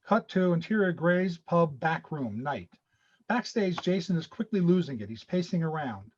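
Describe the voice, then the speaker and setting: A man reading screenplay stage directions over a video call in a steady, matter-of-fact way. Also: on the high side, moderate pace, muffled recording, a little hiss or hum.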